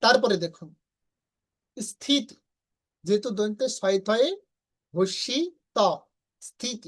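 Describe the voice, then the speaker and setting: A woman with a Bangladeshi Bengali accent teaches verse pronunciation with great patience. Her voice sits at an ordinary middle pitch, and she speaks very slowly, breaking words into syllables. Now and then she chants a line in a gentle melody. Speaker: Gita recitation teacher.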